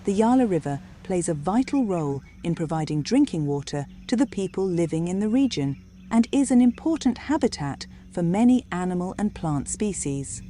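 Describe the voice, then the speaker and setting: A woman's voice: lowish voice, very animated, moderate pace, mellow, a little hiss or hum. A woman reading scripted narration for a nature documentary.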